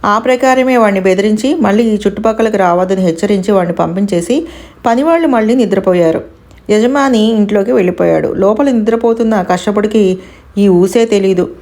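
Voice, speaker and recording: A woman narrating a devotional story in a steady, expressive reading voice. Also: medium pitch, fairly quick.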